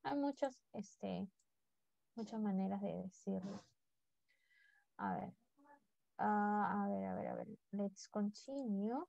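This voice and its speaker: A woman's voice: medium pitch, slow pace, gravelly, pauses often, warm tone, dry recording, muffled recording. A woman teaching English to a class online, speaking mostly Spanish and coaxing her students to repeat words after her. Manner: coaxing, drills pronunciation by repeating.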